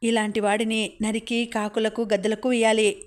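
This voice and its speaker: A woman's voice: a little high, flat delivery, moderate pace, lightly acted. A woman voicing an angry, aggrieved older village man who complains bitterly and indignantly.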